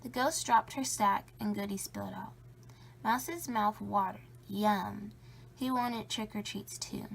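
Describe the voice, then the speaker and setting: A woman reading a children's story aloud in a playful, spooky way, with drawn-out emphasis and a creaky edge. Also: medium pitch. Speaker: storybook reader.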